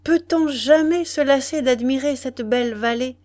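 A woman reading aloud, voicing a lively young noblewoman who exclaims with delight. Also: high-pitched, normal speed, voice pushed up, close to an everyday voice. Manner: rapturous exclamations. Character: young noblewoman, lively, enchanted, newly healthy. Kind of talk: audiobook reading.

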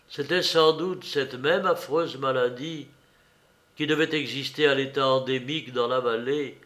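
A male audiobook narrator reading a novel in a steady, measured way. His pitch sits in the middle range, and he slows and softens at the ends of phrases.

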